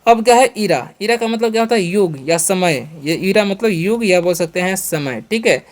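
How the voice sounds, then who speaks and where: In an English vocabulary lesson, an Indian-accented man says each question and answer twice and reads his example sentences in a slow, careful way. He has a high voice with lively intonation.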